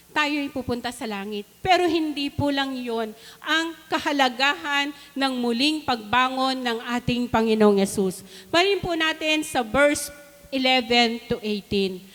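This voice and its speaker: A woman with a Filipino accent delivers a sermon, stopping to read scripture aloud and to ask the congregation questions. Her voice sits high, and a long reverb hangs behind it in a large hall. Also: fairly bright tone. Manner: mixes Tagalog and English, reads scripture aloud, asks the congregation questions. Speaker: preacher.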